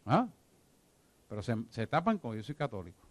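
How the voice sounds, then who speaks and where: With a sing-song delivery at medium pitch and moderate pace, a man teaches a church discipleship class. He's emphatic and repetitive, frequently asking if his audience is following along. The recording is dry.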